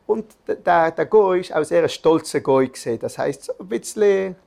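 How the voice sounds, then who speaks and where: A man's voice: fairly high pitch, lively intonation, moderate pace, vocal fry, darkish tone. A man giving an earnest religious lesson, telling a story with restarts and filler sounds.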